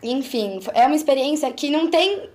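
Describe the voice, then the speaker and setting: A woman's voice: sits high, expressive, fairly quick, a little mellow, a little hiss or hum. A young woman, chatting casually as a guest and rambling a bit. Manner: rambling, loses her train of thought. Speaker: podcast guest. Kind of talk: casual chat.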